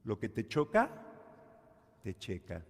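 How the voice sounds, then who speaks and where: A man, a priest giving a homily at mass, telling stories slowly and acting out the people in them. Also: on the low side, wildly swooping pitch. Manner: slow, storytelling, acts out quoted people. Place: church during mass. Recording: reverberant church.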